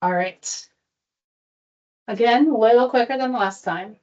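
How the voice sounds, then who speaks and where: High-voiced woman coaching a workout, peppy. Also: measured pace, darkish tone, muffled recording. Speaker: exercise class instructor. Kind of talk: workout coaching with cues and countdowns.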